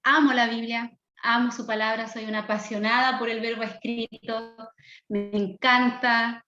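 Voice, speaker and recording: A Chilean woman in her thirties speaks with fervent, earnest enthusiasm as a Bible teacher. Her voice sits high. The sound is dull and rings around a reverberant room. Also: little pitch movement, normal speed, bright, forceful tone. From southern Chile. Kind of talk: online class introduction.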